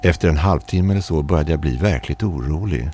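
Deep-voiced man narrating an eerie story. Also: soft background music. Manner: measured, calm storytelling.

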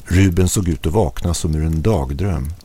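A man reading a first-person story aloud as an audiobook narrator, calm and measured. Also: low voice, husky.

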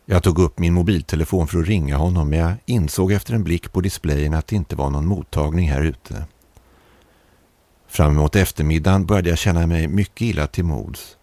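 Male narrator for an eerie tale, very low, dark voice, measured and calm, dry close sound. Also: dry recording. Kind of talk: scripted narration of an eerie story.

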